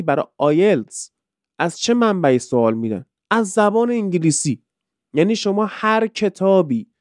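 A man's voice: on the high side, a little mellow, smooth, no echo, studio quality. A man from Iran who teaches English, hosting a casual podcast and explaining things through rhetorical questions.

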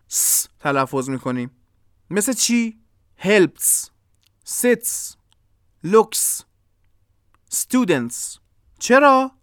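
A podcast host and English teacher giving a pronunciation lesson, explaining step by step and slowly demonstrating each sound. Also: mid-range voice, fairly bright tone, clean tone, no room sound, clean studio sound.

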